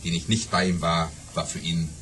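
An actor playing a boastful, excitable baron telling tall tales in a radio play, bombastic and repeating words for emphasis. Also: male voice, low voice, normal speed, slight background noise. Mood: boastful, excited.

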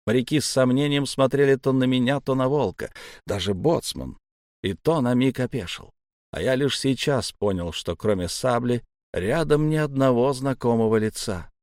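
A man giving a measured, tense first-person audiobook narration. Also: medium pitch, a little mellow, no echo, clean studio sound.

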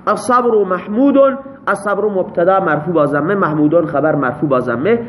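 A man leads a classroom grammar lesson, breaking each example sentence into its parts and checking with students as he goes. His voice sits high for a man, and he pauses on thinking fillers while working things out aloud. A faint background noise runs under the talk. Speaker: teacher.

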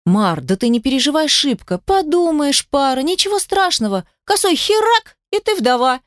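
A woman's voice: sits high, sing-song, moderate pace, no echo, clean studio sound, voice pushed up. A woman voicing a blunt, practical elderly woman in an audiobook. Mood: pragmatic. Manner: blunt, down-to-earth. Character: practical old granny, blunt and level-headed.

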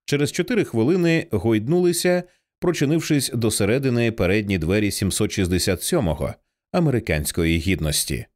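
A man reads a thriller audiobook aloud in a fairly low voice with wide, lively swings of pitch. His storytelling is measured and expressive, shaping each sentence. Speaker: audiobook narrator. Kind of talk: scripted narration.

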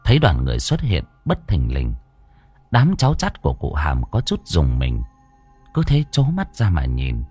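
A man's voice: rumbling low, wildly swooping pitch, moderate pace, warm tone, husky, faint music behind. A man narrating a ghost story with dramatic, suspenseful delivery.

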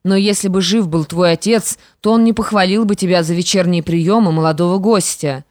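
A woman's voice: lowish voice, fairly even intonation, fairly quick, darkish tone, dry recording, close to an everyday voice. Lady reader doing a spiteful scheming stepmother, fake-sweet and threatening, dry sound. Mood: menacing. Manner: falsely sweet, menacing. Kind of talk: audiobook character reading.

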